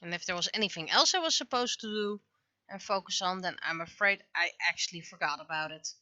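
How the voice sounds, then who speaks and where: Her voice sits on the low side with a sharp tone, and she speaks fairly quickly on a muffled recording. She's a livestreamer and webcomic artist chatting casually while drawing, often muttering to herself as she works.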